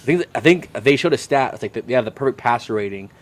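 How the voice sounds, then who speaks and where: A man's voice: medium pitch, lively intonation, quick pace. A man co-hosting a casual sports podcast outdoors in a backyard at night, agreeable and repeating phrases for emphasis. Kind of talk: casual chat and sports commentary.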